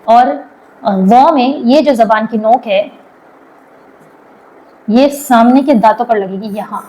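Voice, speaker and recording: A woman with a fairly high voice teaches letter pronunciation in a slow, patient lesson. She drills each sound several times over, pausing between syllables so that learners can follow. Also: dark tone, poor audio. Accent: Urdu-Hindi of South Asia. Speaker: Quran tajweed teacher.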